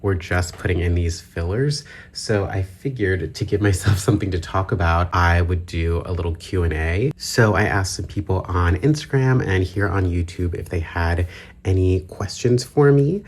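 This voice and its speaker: A collector hosting a YouTube hobby vlog chats informally, his voice still touched by the tail end of a cold he's getting over. He speaks in a low pitch at a moderate pace.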